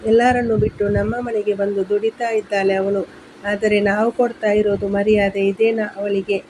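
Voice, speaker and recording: A woman doing a calm reasoning husband. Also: mid-range voice, normal speed, background noise, lightly acted. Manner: steady, reasoning. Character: calm son mediating, taking his wife's side.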